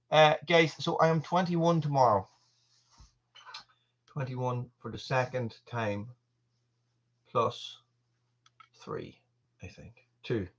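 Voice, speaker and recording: Rambling Irish man on a lo-fi live stream. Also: medium pitch. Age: 40s. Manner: rambling, with many fillers and restarts. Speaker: channel host. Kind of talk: casual live-stream chat.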